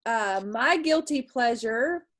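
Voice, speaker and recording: A woman with a fairly high voice leads a relaxed group chat over a video call. She talks slowly and easily, with frequent laughs. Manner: friendly, unhurried, laughs often. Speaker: meeting host.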